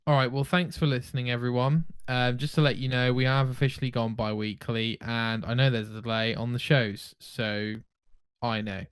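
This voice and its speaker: A man's voice: medium pitch, flat delivery, moderate pace, few pauses, clean tone, no echo, clean studio sound. A man hosting a casual podcast chat, prompting his co-host with questions and playful teasing.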